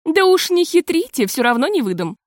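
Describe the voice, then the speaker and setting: A woman's voice: extremely high pitch, sing-song, fairly quick, dry recording, studio quality, voice pushed up. A woman reading an audiobook voices a pushy, scornful female guest who keeps insisting on her gossip. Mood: insistent. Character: stubborn gossiping female guest, middle-aged, smug and pushy.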